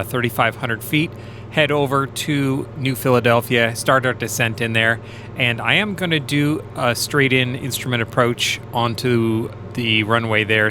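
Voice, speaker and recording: A man, a private pilot, explains his flight in a relaxed, casual voice-over. His voice is bright and forward. A faint noise sits behind it. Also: mid-range voice, moderate pace. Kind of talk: casual vlog voice-over narration.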